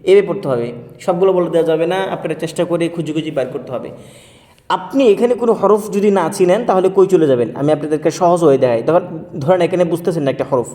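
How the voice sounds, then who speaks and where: A man's voice: on the high side, fast talker, warm tone. A man giving a spoken lesson on reading Quranic letters, patiently drilling sounds and asking viewers to repeat. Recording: roomy hall with long echo.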